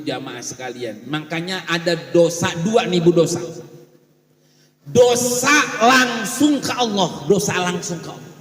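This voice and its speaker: A man with a Betawi accent preaching a lively, joking sermon to a women's congregation, acting out gossiping neighbours. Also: a little high. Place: large echoey hall. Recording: echoey hall with long reverb.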